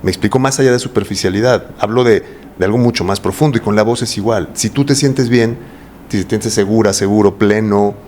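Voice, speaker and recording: Hombre mexicano que explica con calma. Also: male voice, fairly low pitch, fast, a little hiss or hum. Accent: Mexican Spanish. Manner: reflective, explains at length with rhetorical questions. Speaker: voice coach guest. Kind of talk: casual podcast interview.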